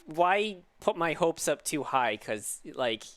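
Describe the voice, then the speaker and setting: Rambling squeaky-voiced man hosting. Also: very animated, no echo. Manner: rambling, halting restarts and laughs. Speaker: podcast host. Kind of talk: casual chat.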